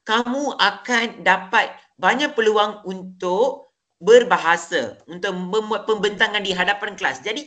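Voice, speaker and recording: Bright-voiced Malaysian woman teaching a class. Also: on the low side. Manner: explanatory, asks the class questions. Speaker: teacher in a simulated lesson. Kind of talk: classroom lesson presentation.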